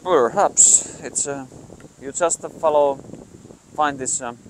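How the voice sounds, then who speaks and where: A man who is not a native English speaker gives an informal outdoor lesson as a hunting instructor, explaining in a halting, hesitant way. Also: mid-range voice, steady tone, a little hiss or hum, rough recording. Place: outdoors in the countryside.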